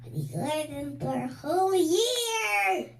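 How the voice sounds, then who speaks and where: A young girl voicing a sassy, whiny girl puppet in a squeaky ventriloquist dummy voice, complaining dramatically. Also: lively intonation, takes it slowly, vocal fry, heavily acted. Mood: whiny, dramatic. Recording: echoey room.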